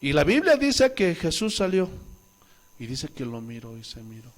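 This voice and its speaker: A man from Bolivia preaching a sermon as pastor, animated, acting out voices and questioning the congregation. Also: a little high, moderate pace.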